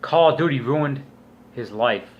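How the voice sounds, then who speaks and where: Guy doing a rambly youtube rant, medium pitch, swears a lot, kinda scornful and crude. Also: expressive, measured pace, muffled recording. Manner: crude, profanity-laden, scornful. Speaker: YouTube vlogger. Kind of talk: casual rambling commentary rant.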